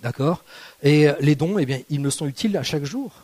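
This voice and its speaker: Male preacher with a high voice, chatty and joking, checks in with the congregation often. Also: animated, fairly quick, darkish tone. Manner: conversational, asks the congregation rhetorical questions; playful, jokes with the audience. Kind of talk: sermon.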